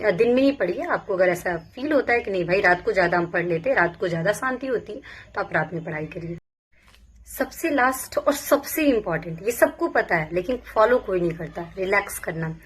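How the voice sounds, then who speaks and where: A woman's voice: mid-range voice, slight background noise. Earnest young woman giving study advice. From Bihar. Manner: earnest, repetitive, speaks in first-person plural. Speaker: police sub-inspector giving study advice. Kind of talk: casual advice talk to exam aspirants.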